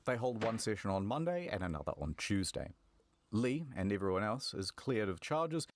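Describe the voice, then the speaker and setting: A man's voice: on the low side, big pitch swings, moderate pace, no room sound, studio quality. A man narrating a scripted documentary story in a wry storytelling manner.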